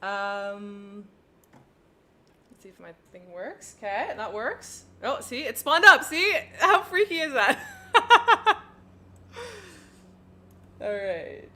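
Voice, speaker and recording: Slow and sing-song, her slightly high voice sounds pushed and bright, with frequent pauses. This French Canadian-accented woman hosts a flight sim livestream, chatting loosely as she flies, giggling a lot and narrating what she does in the cockpit.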